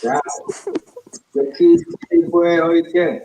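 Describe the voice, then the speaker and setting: A man on a phone call as a scammer, speaking in halting, broken English. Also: fairly high pitch, very animated, roomy sound.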